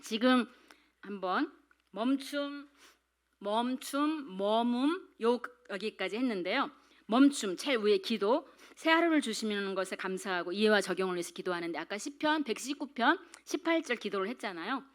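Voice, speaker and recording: A woman's voice: fairly high pitch, lively intonation, moderate pace. A middle-aged woman giving a chatty talk on devotional Bible study at a prayer meeting, acting out little quotes and putting questions to the room. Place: church hall.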